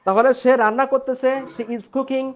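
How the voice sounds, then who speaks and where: A man's voice: extremely high pitch, fairly even intonation, moderate pace. A man teaching an online English class, explaining step by step and checking in with his students.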